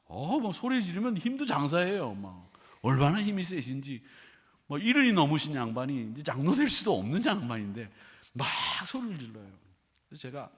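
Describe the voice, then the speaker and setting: A middle-aged male pastor preaching a sermon with storytelling, animated, swinging between quiet asides and loud outbursts, with a husky voice. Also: a little high, normal speed. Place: church sanctuary. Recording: sanctuary with long reverb.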